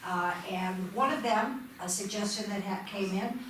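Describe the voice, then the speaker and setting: A woman's voice: medium pitch, moderate pace, fairly bright tone, a little hiss or hum. A woman from the church board making an announcement, chatty and correcting herself as she goes. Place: church sanctuary. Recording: echoey hall mic from far off.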